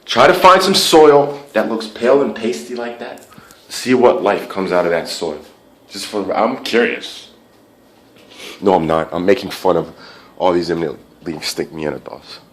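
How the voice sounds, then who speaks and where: A man giving a rambling, profane monologue that swings from low muttering to loud shouting, often repeating himself and restarting. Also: animated, normal speed. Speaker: vlogger.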